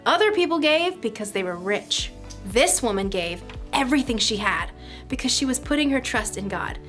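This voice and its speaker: A woman's voice: fairly high pitch, expressive, moderate pace, fairly bright tone, soft background music. A young woman hosting a kids' devotional, bubbly and upbeat. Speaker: children's ministry host.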